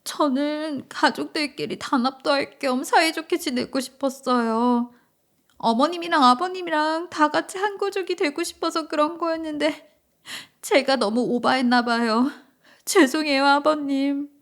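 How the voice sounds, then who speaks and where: A woman's voice: high voice, animated, measured pace, a bit bright, pitched above the performer's own voice. A woman voicing a scheming young daughter-in-law in a told story, with a sugary, pleading, whiny manner. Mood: tearful pleading. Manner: sugary, pleading, tearful whine. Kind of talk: storytelling radio drama reading.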